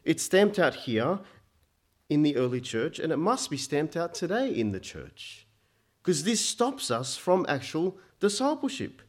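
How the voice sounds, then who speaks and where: A man born in Egypt preaching a sermon. He speaks emphatically, climbs to loud peaks and drops low, and often stammers into restarts. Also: very animated, unhurried.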